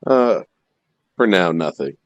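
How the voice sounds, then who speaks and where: Really deep voiced guy playing d and d, stumbles and repeats words, dry mic. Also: expressive, slow pace, dry recording, muffled recording. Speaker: player. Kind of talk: casual play at a game table.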